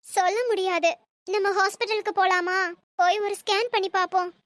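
Woman voicing a stern shrill mother. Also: flat delivery, normal speed, dry recording. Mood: soothing. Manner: scolding then coddling. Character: stern possessive middle-aged mother. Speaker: mother of the young man. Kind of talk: storybook voice drama.

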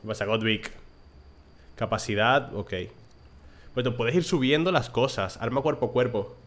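A man's voice: mid-range voice, normal speed. Young man streaming gameplay. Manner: casual, swears, shouts excitedly at the game. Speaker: gaming streamer. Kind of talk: live gameplay commentary.

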